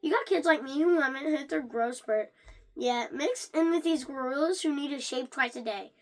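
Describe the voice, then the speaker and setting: A children's book is read aloud in a high voice that sounds female, meant as a read-along. She's animated yet somewhat halting, stumbling and restarting phrases along the way.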